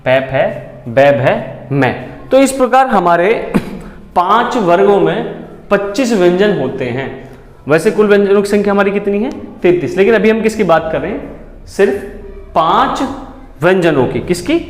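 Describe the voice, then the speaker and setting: A man's voice: high voice, lively intonation, unhurried. A male teacher giving an exam-prep lesson, asking the class questions, answering them himself and repeating key words. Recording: echoey room with long reverb.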